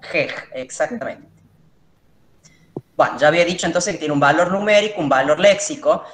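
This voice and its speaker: Low-voiced teacher lecturing in an echoey room. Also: female voice, lively intonation, a little fast. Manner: explains step by step, checks in with the class. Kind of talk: classroom lecture.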